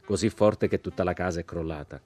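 A man's voice: low-pitched, brisk, warm tone, soft background music. A man reading as a polite American colonel. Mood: courteous. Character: courteous American colonel, man, good-humoured. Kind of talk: audiobook reading.

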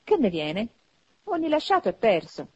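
Lady reading as a jolly young guy who laughs a lot, loud and bouncy, bit husky. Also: on the high side, normal speed, no room sound, muffled recording, pitched above the performer's own voice. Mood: warm, lively. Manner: loud exuberant laughter, animated. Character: hearty laughing young man, cheerful nephew.

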